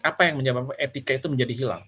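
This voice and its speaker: A man's voice: medium pitch, steady tone, rapid-fire, a bit bright, breathy edge. A male lecturer giving a casual, conversational lecture to his students. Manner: conversational, addresses students as friends.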